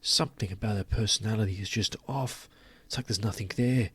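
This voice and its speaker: A commentary channel host with a fairly low, husky voice speaks a little fast, giving his audience scornful, sarcastic opinions. He stretches words for emphasis, and there's no room sound.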